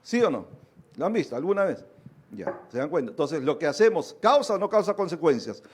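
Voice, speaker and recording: A man's voice: fairly high pitch, very animated, fairly quick, breathy edge. A male pastor preaching a sermon, asking rhetorical questions again and again and acting out other people's voices to drive his points home.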